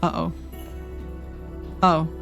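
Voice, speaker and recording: A woman streaming a game playthrough, reacting excitedly, giggling and talking to her viewers. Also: sits low, very slow, creaky, over music.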